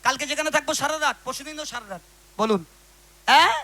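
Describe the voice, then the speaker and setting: A man preaches a story to a live crowd in a very high, bright, piercing voice. He talks fast and animated and keeps calling on listeners to respond. A faint hum sits under him. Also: low-quality recording. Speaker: ghazal singer and preacher. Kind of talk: storytelling religious talk to a live audience.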